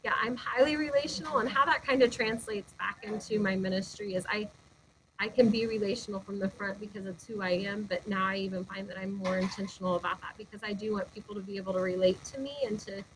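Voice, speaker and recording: A woman's voice: medium pitch, steady tone, fast talker, slight background noise, poor audio. A woman pastor telling heartfelt personal stories in an interview, earnest and speaking with frequent fillers. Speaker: lead pastor. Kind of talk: personal storytelling in a webinar interview.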